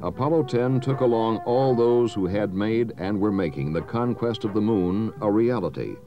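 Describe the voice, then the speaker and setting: Deep guy narrating a documentary, slow solemn read, music playing behind. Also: lo-fi sound. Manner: measured, solemn delivery.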